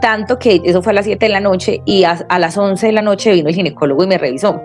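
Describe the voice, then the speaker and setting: A woman's voice: mid-range voice, fast talker, faint music behind. A woman, an interview guest who is a mother, telling a personal story in conversation and acting out the voices of people she quotes. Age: adult mother. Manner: lively, acts out quoted dialogue.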